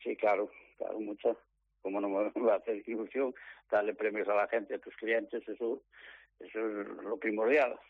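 A man, a lottery ticket seller, telling his story in lively detail and acting out the dialogue. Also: on the low side, moderate pace, slightly rough, dry recording. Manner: animated storytelling, acts out quoted dialogue. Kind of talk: interview on the phone. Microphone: phone. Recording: dry phone line.

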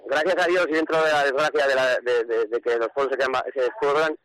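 A man, a village mayor interviewed on the radio, speaking haltingly with many restarts and repeated words. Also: mid-range voice, fairly even intonation, fairly bright tone, poor audio.

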